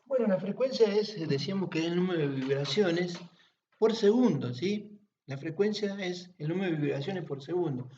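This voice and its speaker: Male teacher, fairly high voice, patient step-by-step explainer, distant muffled home recording. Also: lively intonation, normal speed, dark tone, reverberant, slight background noise. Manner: patient, checks understanding with frequent tag questions. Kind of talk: classroom-style explanation.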